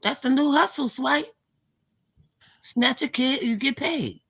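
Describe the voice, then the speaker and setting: A woman's voice: sits high, slow, fairly bright tone, breathy edge. A woman from New York with a smoker's voice, co-hosting a casual livestream in blunt, profane slang. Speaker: livestream co-host.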